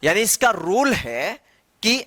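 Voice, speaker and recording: A man's voice: sits high, very animated, slow, pushed and bright, no echo. A man teaching an English reading lesson, spelling out words letter by letter, asking the class how each word is read and answering himself with repeated readings. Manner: asks the class questions and answers them himself.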